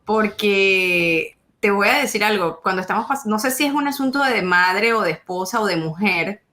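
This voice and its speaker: Woman, interview guest, halting, frequent restarts, mid pitch. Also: animated, sharp tone. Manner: halting, many restarts and repeated words. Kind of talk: emotional testimony in conversation.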